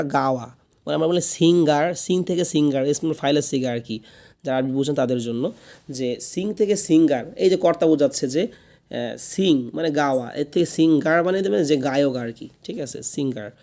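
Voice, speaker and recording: A man teaching an English class, with Bengali as his first language. He is patient and repeats each word slowly so learners can drill it. His voice sits a little high and sounds warm and mellow. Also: creaky. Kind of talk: classroom lesson.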